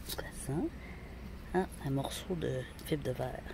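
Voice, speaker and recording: A woman's voice: a bass voice, measured pace, vocal fry, background noise. A woman with a Québécois accent, chatting casually to viewers while hunting rocks outdoors with a handheld phone. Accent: Québécois French. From Quebec. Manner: chatty and rambling, talks to viewers. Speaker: rock-hunting vlogger. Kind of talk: casual outdoor vlog narration. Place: outdoors on a mountain. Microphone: handheld phone camera.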